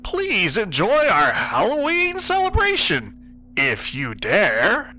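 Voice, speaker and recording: Man doing a slow, eerie mechanical park announcer. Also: sits high, wildly swooping pitch, bright, forceful tone, a little hiss or hum, pitched above the performer's own voice, exaggerated voice. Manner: slow, drawn-out, mock-welcoming. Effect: distant speaker.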